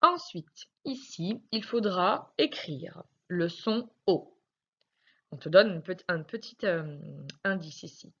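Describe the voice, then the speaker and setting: A woman's voice: on the low side, expressive, slow pace. A woman teacher giving a recorded reading lesson to young children, carefully spelling out letters one by one. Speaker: primary school teacher. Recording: dull lo-fi recording.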